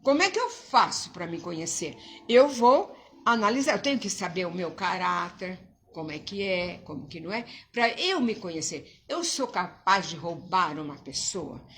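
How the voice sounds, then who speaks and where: A woman's voice: lowish voice, sing-song, normal speed, fairly bright tone, a little hiss or hum. A woman giving an informal religious lecture at a spiritist center, talking conversationally, asking rhetorical questions and acting out quoted thoughts.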